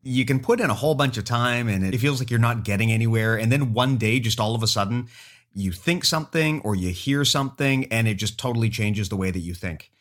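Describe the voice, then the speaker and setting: Steady, explanatory podcast host. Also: male voice, mid-range voice, fairly quick. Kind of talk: casual chat.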